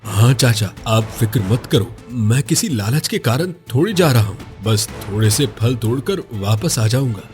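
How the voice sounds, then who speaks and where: A man's voice: medium pitch, expressive, normal speed, few pauses, a little mellow, faint music behind, lightly acted. A man voicing a poor, honest village father in a cartoon story, begging and pleading emotionally. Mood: reassuring. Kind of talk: cartoon voice acting.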